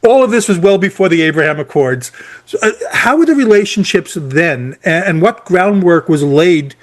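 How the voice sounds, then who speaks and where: Chatty male podcast host, slightly high voice. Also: animated, normal speed. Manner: friendly, laughs often, stumbling restarts. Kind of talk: casual interview.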